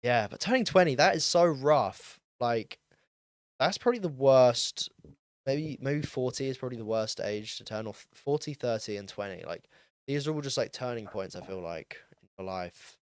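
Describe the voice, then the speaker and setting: A young man in his late teens talks to himself on his own podcast, wandering from thought to thought with plenty of ums and likes. His voice is smooth and clear at a middling pitch, and the close mic leaves it dry with no room sound. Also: expressive, moderate pace, dry recording. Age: young adult, turning twenty. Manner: rambling, self-deprecating, many ums and likes. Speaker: podcast host. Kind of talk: casual solo monologue.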